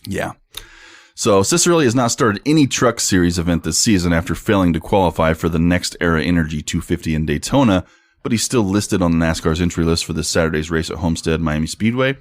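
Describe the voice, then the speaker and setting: A young man co-hosts a casual sports podcast with a deep, low-pitched voice. He talks bluntly, swears freely and laughs as he reads posts aloud. The sound is dry and close to the mic. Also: animated, a little fast, dry recording. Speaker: podcast co-host.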